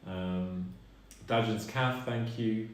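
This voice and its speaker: A man's voice: fairly low pitch, takes it slowly, a little hiss or hum. Give me a chatty man streaming live in a big hall echo. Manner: chatty, reads out and thanks viewers. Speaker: streamer co-host. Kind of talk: casual live stream chat. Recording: very echoey room.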